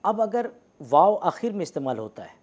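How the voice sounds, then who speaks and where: A man teaching letters and vowels in a recorded lecture. He explains patiently, says the example words slowly and repeats them, and often checks in with the class. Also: sits high, sing-song, a little mellow. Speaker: Urdu language teacher.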